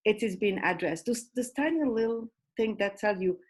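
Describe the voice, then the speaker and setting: A woman from Algeria speaks earnestly in a husky voice. She talks in halting phrases that often repeat, moderating a casual discussion. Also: medium pitch, expressive, poor audio. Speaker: panel moderator.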